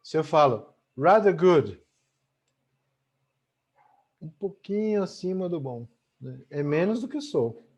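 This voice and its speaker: A man's voice: a little high, animated, normal speed, a little mellow. A middle-aged man with a Brazilian accent, teaching a chatty online language lesson and tagging almost every sentence with "né?". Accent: Brazilian Portuguese. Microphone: video call. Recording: muffled video call audio.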